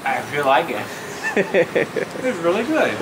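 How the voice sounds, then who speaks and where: A man's voice: on the high side, big pitch swings, measured pace, background noise. A man vlogging street food, talking while chewing and reacting aloud to each bite. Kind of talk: casual food vlog. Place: outdoor street food stall. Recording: loud music behind the voice.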